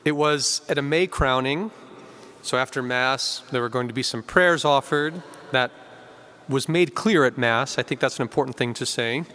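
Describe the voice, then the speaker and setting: A man, a priest, reads the Gospel and preaches at Mass in a measured, clear way, his voice ringing with cathedral echo. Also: medium pitch, bright, forceful tone. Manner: measured, clear proclamation, with an easy conversational tone in the homily. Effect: cathedral echo, long church reverb. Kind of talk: gospel reading and homily at Mass. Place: church during Mass. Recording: long echoing church reverb.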